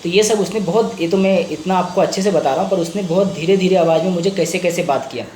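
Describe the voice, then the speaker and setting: A man's voice: sits high, fast talker, a little mellow. A male homeopathic doctor presenting a patient case in a casual talk, switching between Hindi and English and retelling a patient's words. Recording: roomy echo, faint background noise.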